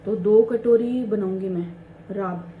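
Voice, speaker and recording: A woman in her thirties narrating her daily home chores in a soft, hushed voice-over, chatty and confiding. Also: medium pitch, a little slow, phone-quality sound, slight background noise. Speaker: home vlogger. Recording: roomy home voice-over with faint ambience.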